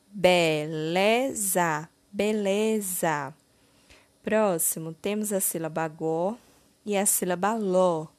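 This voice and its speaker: A woman teacher with a Brazilian Portuguese accent going through a children's exercise, stretching each word slowly and clearly. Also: medium pitch. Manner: slow, deliberate, syllable-by-syllable word stretching. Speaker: primary school teacher. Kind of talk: slow, clear lesson narration.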